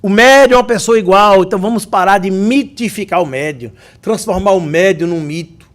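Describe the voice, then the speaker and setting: A man giving a spiritist lecture, telling lively stories with jokes and speaking directly to the audience. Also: high-pitched, fairly quick. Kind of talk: humorous lecture anecdote.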